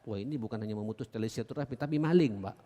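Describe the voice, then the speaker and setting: A man with an East Javanese accent preaching a sermon in a mosque. He talks earnestly and keeps addressing the congregation directly, swinging between loud emphatic exhortation and low quiet asides. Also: racing. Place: large mosque hall. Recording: echoey mosque hall.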